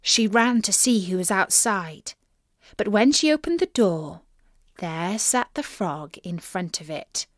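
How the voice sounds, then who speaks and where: A woman narrates a children's fairy tale at an unhurried pace. Her pitch moves up and down in a lively, expressive way, and the recording is dry and close. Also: no echo. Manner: expressive, deliberate read-aloud. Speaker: storyteller.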